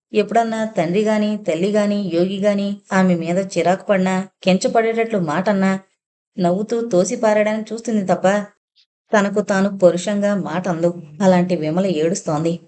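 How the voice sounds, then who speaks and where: A woman narrating an audio novel in a steady, measured storytelling voice. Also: mid-range voice. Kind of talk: scripted narration.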